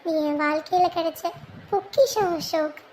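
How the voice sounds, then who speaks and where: A woman's voice: extremely high pitch, normal speed, a little mellow, a little hiss or hum. An actress playing a doting young wife speaking tenderly to her sleeping husband in a family drama. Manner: tender, adoring. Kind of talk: family web drama acting.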